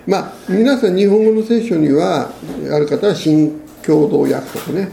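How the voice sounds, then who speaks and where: A man's voice: high voice, unhurried, vocal fry, dark tone, roomy sound, slight background noise. A man preaching a sermon as a pastor, in a conversational way, often ending phrases with tag questions.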